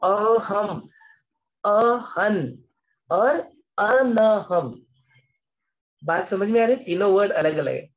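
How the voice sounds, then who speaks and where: A man's voice: sits high, drawn-out words, pauses often, muffled recording. A man giving an explanatory scripture lesson as a spiritual teacher, patiently repeating words and slipping English phrases into his talk.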